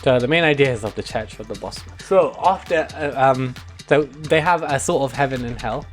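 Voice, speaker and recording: A man's voice: medium pitch, normal speed, soft background music. A young British man streaming a mock lesson to his chat in a mock-serious manner, prone to chuckling.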